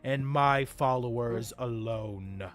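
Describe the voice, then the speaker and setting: A booming god of storms, acted out by a man for a tabletop game. He is loud, wrathful and impatient, dragging out each threat slowly over music. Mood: menacing, commanding. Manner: slow, drawn-out threats. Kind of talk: tabletop game role-play.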